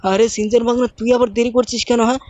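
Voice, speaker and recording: A woman hosting a gaming channel, narrating her play with rapid, bossy banter in an uncle role. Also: on the high side, level tone, dark tone. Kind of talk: game role-play commentary.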